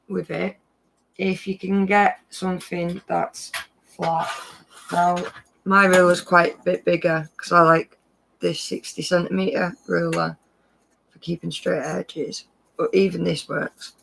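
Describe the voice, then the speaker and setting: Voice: mid-range voice, flat delivery, takes it slowly, creaky, fairly bright tone, a little hiss or hum, low-quality recording. A craft live-streamer giving a casual tutorial, chatty and rambling, often correcting themselves while handing out friendly practical tips.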